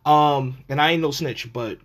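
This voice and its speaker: A man hosting a solo podcast, telling stories and ranting in a casual, profane, slang-heavy and animated way. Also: on the high side, normal speed, soft background music. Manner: profane, blunt, animated street-slang delivery. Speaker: podcast host.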